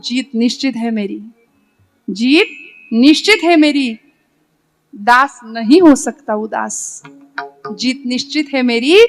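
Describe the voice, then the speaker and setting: A woman voicing a devoted warrior prince who sings his calm answer to a god. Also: a little high, soft background music. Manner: sings his reply slowly.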